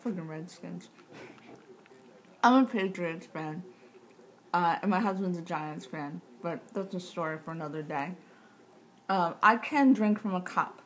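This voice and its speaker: Here a thirtysomething woman with a fairly low, slightly bright voice talks at a normal pace to the camera, offering surgery recovery tips. Her speech is tight-jawed from recent jaw surgery, and she rambles in a matter-of-fact way, cutting herself off now and then. The camera mic sits about arm's length from her in a small indoor living room, and clear background room noise is audible.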